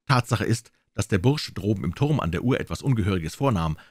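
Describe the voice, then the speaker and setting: A man reading a classic story aloud in a theatrical, lively storytelling manner. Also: on the low side, brisk, dry recording, studio quality. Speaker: audiobook reader. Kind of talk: scripted story narration.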